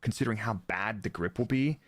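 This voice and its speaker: A man gives casual, technical motorsport analysis as a guest expert in a live interview, drawing on his past as a Formula 1 performance engineer. His explanations are informal and peppered with quoted remarks. His voice is on the low side and a bit bright, he talks a little fast, and the recording is dry.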